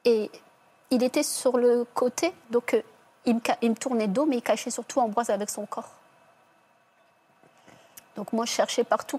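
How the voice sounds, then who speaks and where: A woman giving a personal testimony in an interview, telling it quietly and haltingly, with many restarts and self-corrections. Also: on the high side, breathy edge.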